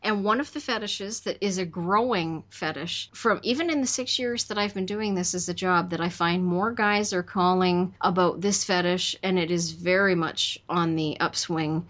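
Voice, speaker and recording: A woman's voice: lowish voice, normal speed, hardly any pauses, fairly bright tone. Chatty woman host, candid storyteller. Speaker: podcast host. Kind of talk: casual chat.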